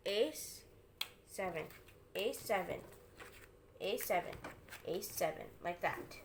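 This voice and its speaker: A woman's voice: on the low side, animated, takes it slowly, background noise. A woman giving informal card magician patter, talking through each move step by step as she demonstrates and teaches a trick. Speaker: amateur card magician presenting a trick and tutorial.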